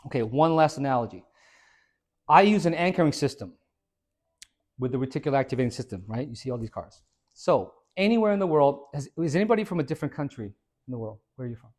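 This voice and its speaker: In a hair and skin salon, a fast-talking male fitness trainer with a mid-range voice gives a small audience an energetic, informal talk. He keeps quizzing them and punctuating points with "right?".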